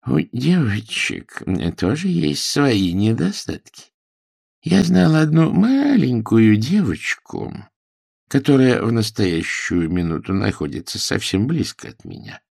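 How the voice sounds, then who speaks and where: A man voicing a strict, commanding old female governess in an audiobook, with slow, drawn-out scolding commands. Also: mid-range voice, big pitch swings, gravelly, a little mellow, slightly rough, no room sound, clean studio sound, voice pushed up, heavily acted. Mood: prim. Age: older. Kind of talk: audiobook character voice.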